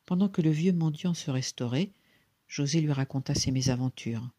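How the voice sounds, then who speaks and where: Husky storybook narrator. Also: mid-range voice, normal speed, mellow. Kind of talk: storybook reading aloud.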